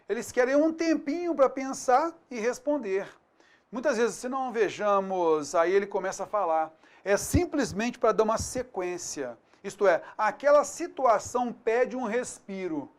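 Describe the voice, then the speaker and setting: Chatty Brazilian man teaching grammar. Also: high-pitched. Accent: Brazilian Portuguese. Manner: lively, colloquial, peppers talk with tag questions. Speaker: grammar teacher for an exam prep course. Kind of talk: recorded video lesson.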